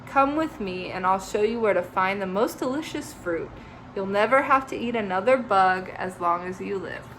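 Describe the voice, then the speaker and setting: A woman's voice: medium pitch, lively intonation, moderate pace, a bit bright, slight background noise. A woman reading a tender mother bat. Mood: reassuring.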